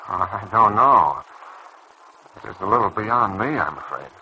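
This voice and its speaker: A man with a lowish, animated voice, speaking at a measured pace, voices a gloomy, embittered young surgeon in a mid-century radio soap. His manner is hesitant and doubtful, and the old recording is dull and noisy.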